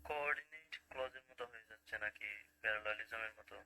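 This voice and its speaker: A man's voice: lowish voice, a crowd in the background. A Bangladeshi man, a student in an online class, asking questions politely over a video call. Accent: Bangladeshi Bengali. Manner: quick, deferential, addresses teacher as sir.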